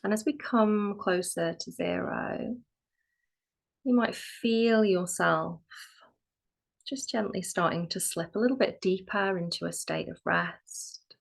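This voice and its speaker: With a mid-range voice, a woman teaches yoga nidra, easing listeners into relaxation meditation. Her delivery is gentle, soft and soothing, occasionally breathy, and punctuated by long pauses.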